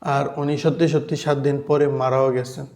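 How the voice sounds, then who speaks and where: A man's voice: mid-range voice, flat delivery, moderate pace, a little mellow. A man giving a religious lecture, explaining patiently, often asking the listeners "right?" and reciting Arabic phrases. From Bangladesh. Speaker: Islamic lecturer.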